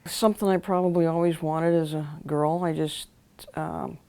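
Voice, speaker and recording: An older woman remembers her path into policing, stopping often to think. Her voice is low with a gravelly edge. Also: fairly even intonation, moderate pace, warm tone. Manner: hesitant, thinking aloud. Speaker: retired police officer. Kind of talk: documentary interview.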